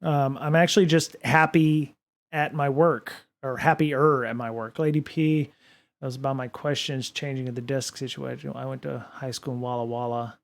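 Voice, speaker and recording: A gravelly, medium-pitched male voice holds a steady tone at a normal pace. This podcast and livestream host chats casually from his home studio, fielding viewer comments with rambling speech, many fillers and restarts, into a studio mic on his desk.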